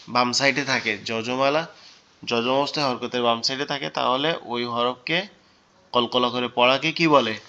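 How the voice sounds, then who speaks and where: Male Quran teacher on an online class, slow and deliberate, dull lo-fi call audio. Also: mid-range voice, bright, forceful tone. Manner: slow, drawn-out pronunciation of Arabic words, asks students questions. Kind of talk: online Quran recitation lesson. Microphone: video call.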